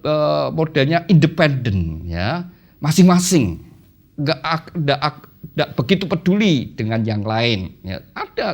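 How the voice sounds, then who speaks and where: A man teaching a premarital class at church, speaking casually and often addressing listeners as brothers and sisters. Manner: lively, addresses listeners as "saudara"; acts out quoted voices with sudden pitch jumps.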